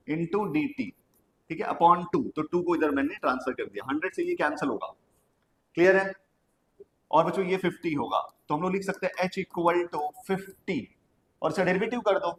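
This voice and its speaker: A man teaching physics, working through exam problems step by step and checking in with the class. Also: high-pitched. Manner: talks the class through steps with quick checks like "clear?". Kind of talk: exam problem-solving lesson. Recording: echoey room with faint noise.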